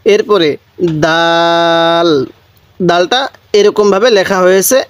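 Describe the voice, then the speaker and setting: A man teaching Quran reading, patiently naming each Arabic letter, drawing out each sound slowly and asking listeners to repeat after him. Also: high-pitched, dry recording. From Bangladesh. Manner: patient, repetitive, prompting listeners to answer; drawn-out, slow letter pronunciations.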